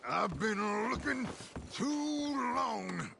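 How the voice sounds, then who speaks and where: Slow, gravelly, menacing outlaw. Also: male voice, high voice, animated, heavy background noise, heavily acted. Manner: drawling, threatening. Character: menacing, slow-talking Western outlaw tracking down a woman. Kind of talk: video game voice acting.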